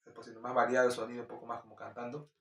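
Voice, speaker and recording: A man with a Peruvian Spanish accent, slowly reading Bible verses and commenting on them informally, with halting restarts. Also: medium pitch, completely flat delivery. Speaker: Bible teacher. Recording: roomy echo, distant mic.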